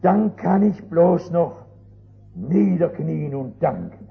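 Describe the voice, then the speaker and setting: A man voicing a despairing, guilt-ridden young male scientist back from the war, low, quiet and heavy, in a dull lo-fi archive recording with faint music. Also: sing-song, slow, gravelly, exaggerated voice. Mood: humbled.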